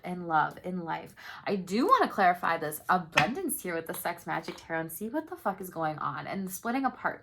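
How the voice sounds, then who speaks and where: A woman's voice: medium pitch, fairly bright tone, a little hiss or hum. A young adult woman giving a casual tarot reading to camera, chatty and upbeat, swearing easily and laughing often. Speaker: tarot reader.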